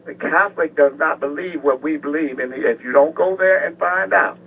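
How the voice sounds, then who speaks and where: An older man calling in to a radio show, talking in a halting, rambling way and repeating words. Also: a little high, vocal fry, a bit bright, breathy edge. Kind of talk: rambling live radio call-in. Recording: distant, noisy phone call to radio.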